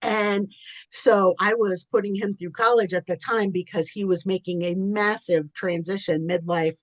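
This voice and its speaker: Woman, podcast co-host, casual chat, candid storytelling, laughs often, medium pitch. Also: fairly even intonation, normal speed, no room sound, low-quality recording.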